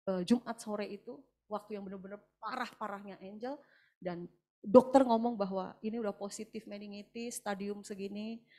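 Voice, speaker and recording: A middle-aged woman giving an emotional testimony during a church service, her voice rising to loud, emphatic prayer. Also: medium pitch.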